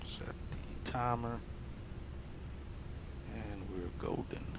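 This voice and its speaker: A man's voice: fairly low pitch, steady tone, very slow. A man speaking as an airline pilot in a cockpit, mixing short clipped procedural callouts with laid-back casual remarks over aircraft drone. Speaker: airline pilot in a flight simulator. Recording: noisy cockpit hum behind voice.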